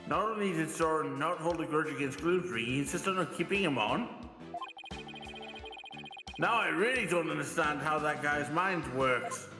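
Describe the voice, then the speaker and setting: A man's voice: a little high, normal speed, music in the background, lightly acted. A man voicing an earnest young lawyer in a video game, reading scripted questions and musings. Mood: inquiring. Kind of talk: game script read aloud.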